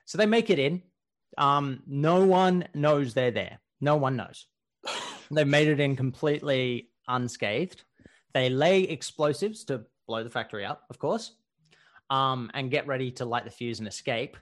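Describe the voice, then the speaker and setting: Animated laughing male podcast storyteller. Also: mid-range voice, a little slow. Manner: animated storyteller, laughs often, swears casually. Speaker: podcast co-host telling history stories. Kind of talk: casual chat.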